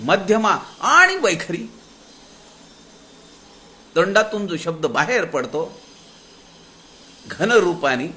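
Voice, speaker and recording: A man with a Marathi accent giving a devotional discourse, drawing out quoted verses slowly. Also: high-pitched, bright, forceful tone. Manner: slows to draw out quoted verses. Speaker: spiritual discourse speaker. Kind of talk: devotional discourse explaining scripture.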